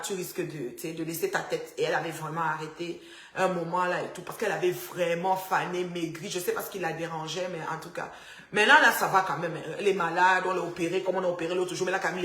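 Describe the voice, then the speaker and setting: A woman, chatting and teasing her viewers on a phone live stream from a dark house. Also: lowish voice, reverberant. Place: house with the power cut.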